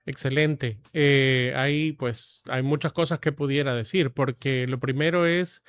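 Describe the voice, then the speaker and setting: A man in his forties from El Salvador, a guest telling his life story in a measured, reflective way with frequent pauses. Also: mid-range voice, fairly even intonation. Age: 40s. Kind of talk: testimony interview.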